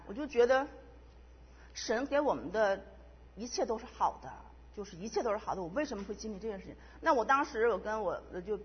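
A middle-aged woman rushes through her personal testimony in a husky voice, repeating phrases as the feeling builds. She is heard through a dull, lo-fi recording with a long reverb tail from the hall. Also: on the high side. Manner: emotional, quick storytelling with repetitions. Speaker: church member giving testimony.

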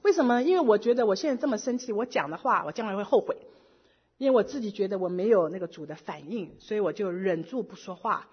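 A middle-aged woman giving a personal church testimony in lively storytelling style, slipping English words into her speech. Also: medium pitch, fast talker, husky. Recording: dull lo-fi recording.

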